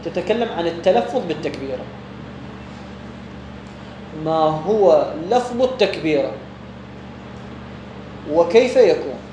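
Teaching a religious jurisprudence text to students, this Iraqi Arabic-accented man asks questions and then answers them himself. His voice sits a little high and warm, with lively intonation, an unhurried pace, and frequent pauses, in an echoey room with faint hum behind it.

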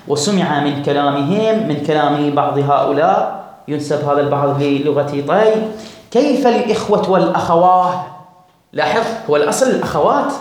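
Man teaching grammar in a very echoey room. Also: fairly high pitch. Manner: reads text slowly and stretched, then explains quickly; asks the class questions and urges them to follow. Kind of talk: classroom lesson reading and explaining a grammar text.

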